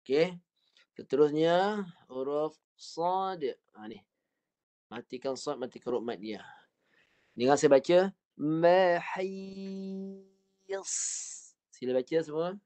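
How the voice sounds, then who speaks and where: A man's voice: a little high, animated, a little slow, pauses often, warm tone. A man with a Malaysian accent teaching Quran recitation, modelling each word and asking the class to repeat it. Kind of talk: slow recitation lesson. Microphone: online class recording. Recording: dull lo-fi online class audio.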